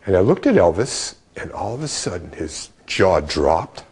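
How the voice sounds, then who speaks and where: An older man interviewed for a documentary, telling a story with animated delivery and acting out the voices he quotes. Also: deep voice, normal speed, slightly rough.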